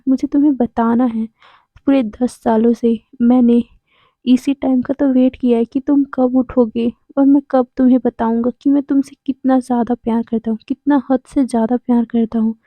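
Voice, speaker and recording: A woman's voice: sits high, no echo. A woman reading the lines of a desperate, lovesick young man, pleading and repeating his partner's name, in a dull, dry recording.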